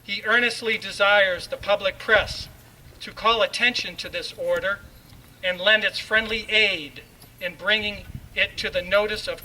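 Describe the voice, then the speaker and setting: Here a ceremonial reader with a high-sitting, sharp-toned voice declaims a formal proclamation in a solemn, oratorical manner. The recording, made from a distant mic, carries faint background noise.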